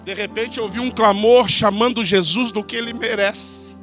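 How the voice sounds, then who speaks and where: High, bright-voiced Brazilian pastor preaching. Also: male voice, fairly even intonation, moderate pace, faint music behind. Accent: Brazilian Portuguese. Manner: dramatic, acts out crowd voices and shouts. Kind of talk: sermon.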